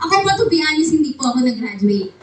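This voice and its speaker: A woman gives an animated motivational business seminar talk in a hall, often firing call-and-response questions at the crowd. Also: high-pitched, fast. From Philippines. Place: event hall before an audience. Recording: echoey hall, distant mic, loud noise.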